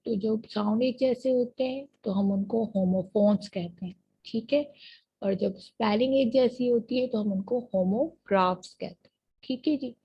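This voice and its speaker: A woman university lecturer with a Pakistani accent, explaining terms patiently and reading English definitions slowly, in a muffled lo-fi recording. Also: fairly high pitch, breathy edge. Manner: patient, repeats checks like "theek hai ji" after each point. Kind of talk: classroom lecture mixing Urdu and English.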